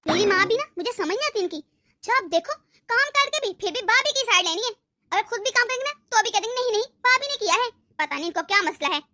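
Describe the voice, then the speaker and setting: A bossy spiteful cartoon daughter, super high and bright, talks fast and snappy. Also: female voice, lively intonation, no room sound, clean studio sound, full character voice. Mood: scolding. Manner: scolding, taunting, demanding. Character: sharp-tongued grown daughter, bossy and spiteful. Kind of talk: Hindi cartoon voice acting.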